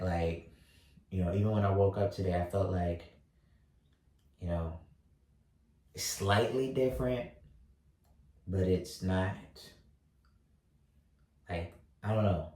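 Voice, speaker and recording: A thirty-year-old man vlogging, talking slowly through his thoughts with lots of fillers and restarts. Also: deep voice, warm tone, recorded from a distance. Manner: halting, many fillers and restarts. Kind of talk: reflective casual monologue. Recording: roomy echo, voice set back from mic.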